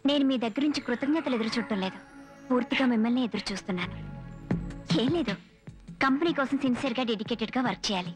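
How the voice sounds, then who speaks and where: An actress playing a formal, demanding businesswoman who gives crisp, commanding instructions. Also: fairly high pitch, quick pace, music in the background, lightly acted. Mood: firm. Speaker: company boss. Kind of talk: dubbed film dialogue.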